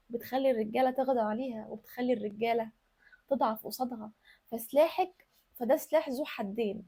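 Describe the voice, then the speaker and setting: A woman's voice: on the high side, dark tone, breathy edge. A woman with an Egyptian accent hosting an advice video, speaking straight to the viewer in an emphatic, coaxing way. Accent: Egyptian Arabic. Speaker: lifestyle and femininity advice host. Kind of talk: direct-to-camera advice talk.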